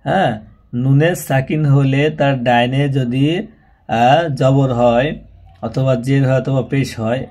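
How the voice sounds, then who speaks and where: A man's voice: mid-range voice, steady tone, a little mellow. A man giving a Quran reading lesson, spelling out each word and explaining pronunciation rules. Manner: slow drawn-out recitation alternating with plain explaining. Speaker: Quran recitation teacher.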